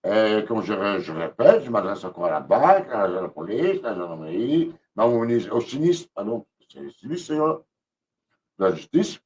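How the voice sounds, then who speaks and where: A man's voice: fairly low pitch, very animated, normal speed, a little mellow, recorded from a distance, highs cut off. A man ranting angrily on a live stream, repeating himself and hesitating often. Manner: agitated, repetitive, many hesitations. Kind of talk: angry live-stream rant.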